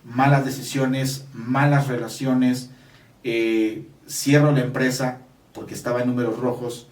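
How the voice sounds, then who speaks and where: A man's voice: medium pitch, little pitch movement, measured pace, recorded from a distance. An earnest man with a Mexican Spanish accent tells a personal story in an interview, emphatic and speaking straight to the listener. His voice sits in a mid range and sounds roomy, picked up from a little way off the mic. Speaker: business coach.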